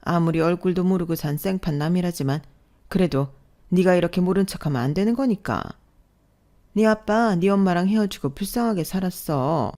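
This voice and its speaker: A woman's voice: on the low side, normal speed, mellow, lightly acted. Woman doing a pushy guilt-tripping aunt. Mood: reproachful. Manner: insistent, reproachful guilt-tripping. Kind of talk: storytelling radio drama.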